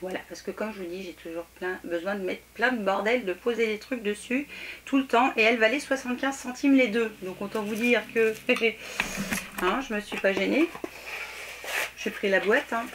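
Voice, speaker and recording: A woman's voice: medium pitch, steady tone, moderate pace, fairly bright tone, slight background noise. Chatty French woman vlogger, hesitant. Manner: chatty, lots of hesitations and self-corrections. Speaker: home decor haul vlogger. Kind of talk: casual haul chat to camera.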